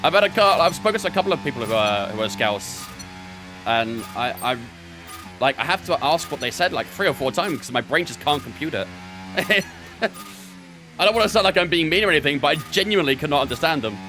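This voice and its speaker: A man's voice: on the high side, lively intonation, brisk, music in the background. A young man streaming a racing game from his bedroom, chatting with viewers between laps. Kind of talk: casual live-stream chat while racing.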